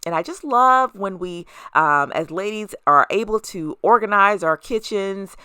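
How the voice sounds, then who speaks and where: A woman's voice: medium pitch, animated, measured pace, sharp tone, clear, resonant tone, no room sound, studio quality. A woman hosting a casual home vlog, chatting to viewers with a lisp and whistly s sounds from braces. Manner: chatty, addresses viewers as guys. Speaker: host of a home and lifestyle vlog.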